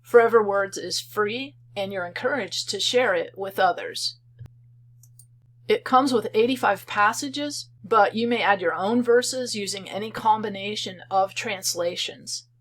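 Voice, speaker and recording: A woman who made a software program calmly explains it step by step in a screen-recorded tutorial. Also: medium pitch, measured pace. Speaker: software creator demonstrating her program.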